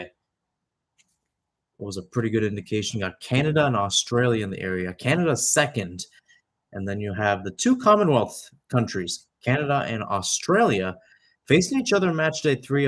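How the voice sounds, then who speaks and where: Here a young man's mid-range voice, a little bright and slightly rough, delivers radio-style live soccer commentary. The play-by-play keeps slipping into loose, conversational digressions, with self-corrections mixed in.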